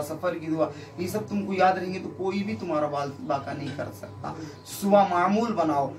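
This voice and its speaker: A man, a faith healer, preaching and admonishing a gathered crowd in a commanding, repetitive way. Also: high-pitched. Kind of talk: exorcism session and sermon to a crowd. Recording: roomy, distant mic with crowd behind.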